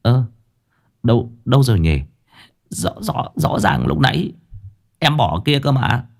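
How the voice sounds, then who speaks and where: A man's voice: mid-range voice, very animated, a little fast, a little mellow, lightly acted. A man voicing a flustered young male helper who stammers and complains.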